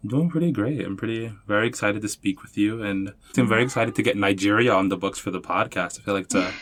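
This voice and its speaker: A man with a fairly low, slightly bright voice talks fast as he hosts a podcast. In a friendly, casual interview, he introduces and questions his guest, peppering his speech with fillers like "you know" and "like."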